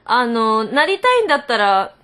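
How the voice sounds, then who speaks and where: A woman's voice: on the high side, very animated, moderate pace, a bit bright. A woman hosting a casual radio talk show, reading listener mail aloud with frequent giggles. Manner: playful, giggly, reads letters aloud.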